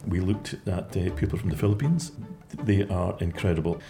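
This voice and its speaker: A man's voice: deep voice, moderate pace, vocal fry, over music. A man from Scotland who runs a care home, answering interview questions in a reflective way, often repeating words as he thinks.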